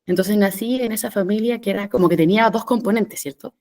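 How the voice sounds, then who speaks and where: A woman's voice: mid-range voice, fast talker, a little mellow. A woman in her thirties from Chile with a Chilean Spanish accent, a podcast guest speaking reflectively with fillers and restarts. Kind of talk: conversational interview.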